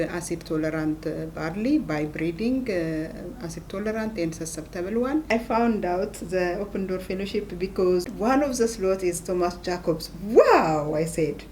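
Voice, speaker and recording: A middle-aged woman with an Ethiopian accent, a plant scientist and professor, giving an earnest talking-head interview in short halting phrases. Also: fairly low pitch, darkish tone, a little hiss or hum.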